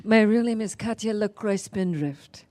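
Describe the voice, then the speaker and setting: A woman's voice: medium pitch, a little slow, warm tone, a little hiss or hum, close to an everyday voice. A woman playing a vain actress from a spy film, with a put-on foreign accent that slips in and out, talking in an affected, wry way in a live comedy sketch. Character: vain, breathy Bond-girl actress with a wandering foreign accent. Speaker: comedic guest character.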